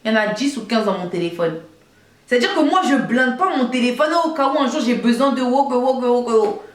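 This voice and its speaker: A young woman from Côte d'Ivoire, telling a story to her viewers in an animated, emphatic way. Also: fairly high pitch, fairly quick, echoey room. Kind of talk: casual storytime monologue.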